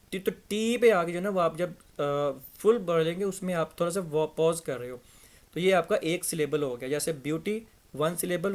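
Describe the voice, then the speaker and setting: A young man gives a relaxed grammar lesson. His voice sits on the higher side for a man. He talks in a loose, conversational way and drags out example words so learners can hear each syllable. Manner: conversational, repeats words slowly for pronunciation. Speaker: English teacher.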